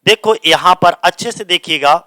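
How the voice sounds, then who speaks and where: A man's voice: sits high, normal speed, pushed and bright, no echo. A male teacher giving a grammar lesson, who keeps asking questions and answering them himself and repeats the key words. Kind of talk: grammar lesson explaining in Hindi.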